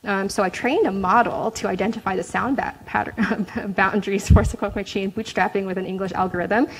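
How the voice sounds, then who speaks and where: Woman presenter, mid-pitched, explains research informally with lots of "um" and "right?", a few self-deprecating laughs. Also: steady tone, brisk, slight background noise, poor audio. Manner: chatty, frequent "um" and tag "right?". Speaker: graduate student presenter. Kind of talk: academic presentation.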